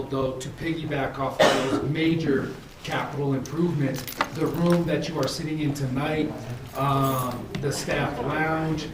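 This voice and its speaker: Hoarse man presenting in an echoey room. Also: fairly high pitch, recorded from a distance, heavy background noise. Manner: halting, with many fillers and restarts. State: losing his voice. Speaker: high school principal. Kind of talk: presenting at a school committee meeting. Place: school meeting room.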